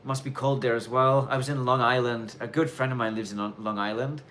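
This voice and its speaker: Answering viewer questions in a relaxed live stream, this man in his thirties from Australia has a mid-range, steady, somewhat bright voice over a light hiss or hum. He sounds part Australian, part London, with a bit of Irish twang. He rambles, self-corrects and restarts sentences, always careful to be clear.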